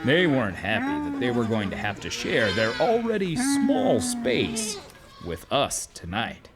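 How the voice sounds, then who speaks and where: A man playing a weary, aggrieved donkey who tells his journey for a children's audio drama, with deliberate dramatic pauses. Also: mid-range voice, huge pitch swings. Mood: weary storytelling. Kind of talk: first-person children's audio drama narration. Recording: noisy, with animal and cricket ambience.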